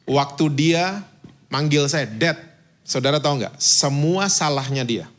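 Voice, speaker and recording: A man's voice: a little high, a little slow. A man in his fifties, a pastor preaching a sermon. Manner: lively storytelling, mixes in English phrases. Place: church stage.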